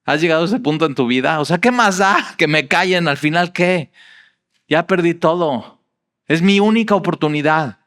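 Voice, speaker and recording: A middle-aged man with a Mexican accent preaching a sermon in a conversational, animated storytelling way, with frequent fillers. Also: on the high side, moderate pace. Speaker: pastor.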